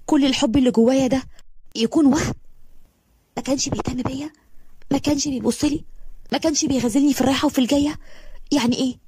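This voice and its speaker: A breathy, raised young voice of a heartbroken maid, tearful and self-scolding, as a female narrator puts her on. Egyptian Arabic colour, quick and warm, read dry and close. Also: high-pitched, steady tone, dry recording, voice pushed up. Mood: despairing.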